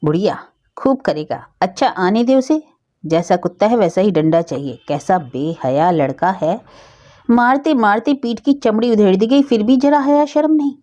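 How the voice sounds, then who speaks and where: A woman's voice: medium pitch, animated, normal speed, warm tone, lo-fi sound, close to an everyday voice. A woman voicing a quarrelsome old grandmother who nags and scolds. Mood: scolding. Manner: scolding, nagging.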